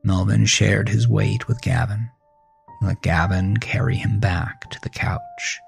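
Over faint background music, a man tells a horror thriller story in dramatic, scripted fashion. His voice is on the low side and creaky, a little slow, with fairly even intonation, recorded close and dry.

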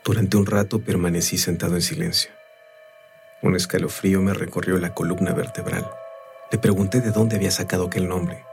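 A man narrating a story in the first person in a measured, unhurried way. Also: low-pitched, steady tone, creaky, darkish tone, soft background music. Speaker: audiobook narrator.

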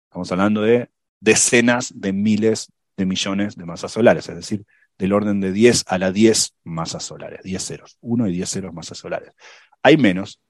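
Low-voiced man explaining science, dry sound. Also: normal speed, dry recording. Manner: thinks aloud with many fillers and restarts. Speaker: science podcast panelist. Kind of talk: casual explanatory chat.

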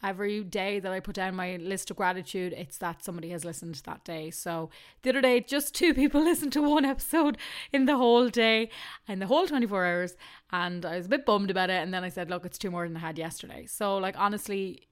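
A woman hosting a podcast, chatty and quick to laugh. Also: fairly low pitch, smooth. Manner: chatty, warm, laughs often. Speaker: podcast host. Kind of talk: casual podcast chat.

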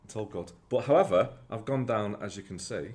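A man's voice: lowish voice, lively intonation, a little fast, a little mellow. A man hosting a podcast, chatting casually and teasing his co-host with self-mocking banter. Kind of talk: casual chat.

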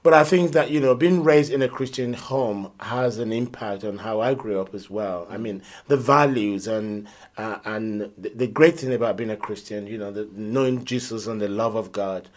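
Man, 50s, lowish voice, earnest and reflective interview guest. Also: normal speed. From Nigeria. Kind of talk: conversational interview.

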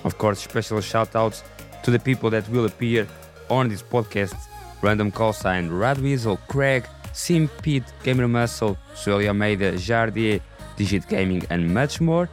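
A man with a raspy voice and non-native English, hosting a podcast in a scripted narration style. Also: lowish voice, normal speed, faint music behind. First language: not English. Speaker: podcast host.

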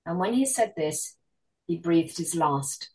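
A woman reading Bible passages aloud in a measured, clear way and citing each reference. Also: lowish voice, expressive, darkish tone, distant mic, poor audio. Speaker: scripture reader. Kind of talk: scripture reading.

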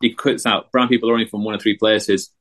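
A man speaks in a fairly low voice. He chats informally as a surgical trainee guest on a podcast, with a jokey turn to his talk. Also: level tone, quick pace, fairly bright tone. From Bradford, England. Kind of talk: casual chat.

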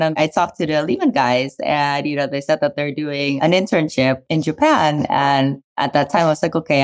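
Low-voiced woman from Indonesia. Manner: thoughtful, many "you know" fillers. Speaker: guest, venture capital investor. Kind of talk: casual interview talk.

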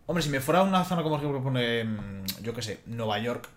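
A man's voice: medium pitch, expressive, quick pace, faint music behind. Young Spanish man hosting a chat, rambling. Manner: rambling, peppered with "en plan" and restarts. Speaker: podcast host. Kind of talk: casual chat. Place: in person, same room as guest.

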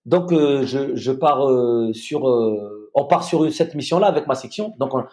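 A man, a former soldier, recounting his experience in a casual conversation, halting with restarts and fillers. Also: medium pitch, animated, a little mellow. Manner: halting, many restarts and fillers, vivid retelling.

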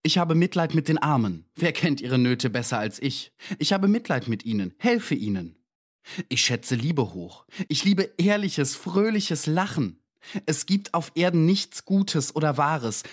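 A man's voice: fairly high pitch, expressive, a little slow. A man playing a tormented murderer in his thirties. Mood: impassioned. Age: 30s. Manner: impassioned, pleading, self-justifying. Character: tormented male murderer, 36 years old, pleading.

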